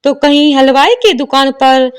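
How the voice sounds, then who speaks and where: A woman narrating a devotional folk tale in a steady, measured storytelling manner. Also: high-pitched.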